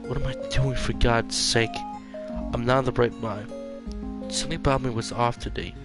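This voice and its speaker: A man narrates a visual novel for a let's-play in a gravelly, mid-range voice. He reads haltingly, often tripping over and repeating words. Game music plays clearly behind him. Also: mid-range voice, fairly even intonation. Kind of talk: reading a visual novel aloud.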